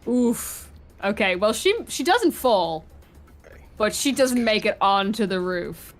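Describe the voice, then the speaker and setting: A woman's voice: mid-range voice, expressive, slow pace. Woman telling a game story over music. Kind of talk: casual improvised game narration.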